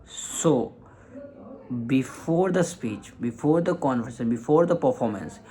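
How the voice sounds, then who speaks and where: A man talks through public speaking advice at an unhurried, slow pace. His voice sits at a middle pitch, and he pauses often, restarting phrases as he goes. It is a motivational lesson on confidence. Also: lively intonation, mellow, rough recording. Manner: slow, deliberate delivery with frequent pauses and restarts. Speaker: communication skills coach. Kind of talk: motivational self-help lesson.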